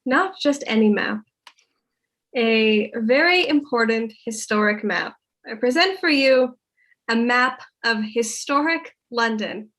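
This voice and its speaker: A woman's voice: a little high, expressive, takes it slowly, a bit bright. A woman playing a solemn, ominous vintage horror narrator with formal, dramatic delivery.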